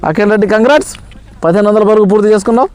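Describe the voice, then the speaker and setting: A man giving live amateur cricket commentary in an excitable manner, repeating stock phrases of praise. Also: high-pitched, very fast.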